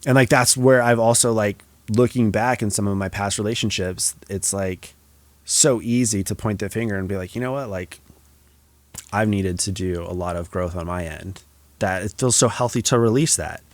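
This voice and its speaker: A man hosting a podcast, talking in a reflective, soft-spoken way with many casual fillers. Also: on the low side, normal speed, dry recording. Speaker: podcast host.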